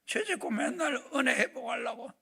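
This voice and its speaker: A man preaching a Sunday sermon as pastor, swinging between loud urgent calls and hushed whispered asides. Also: extremely high pitch, animated, brisk, gravelly, breathy edge. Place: church sanctuary.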